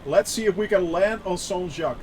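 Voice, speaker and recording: A man's voice: high voice, brisk, darkish tone, a little hiss or hum. A man streaming a flight simulator, talking like a pilot over a cockpit headset, chatty and rambling with fillers while he addresses his viewers. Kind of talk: casual live-stream commentary.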